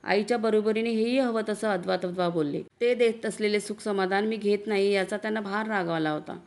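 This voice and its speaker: A woman's voice: mid-range voice, fairly quick. A woman narrating a story in the first person, earnest and reflective.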